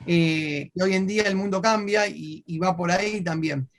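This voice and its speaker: A man's voice: high voice, normal speed. A man, co-hosting and giving closing remarks in an emphatic, conversational way. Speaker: co-host.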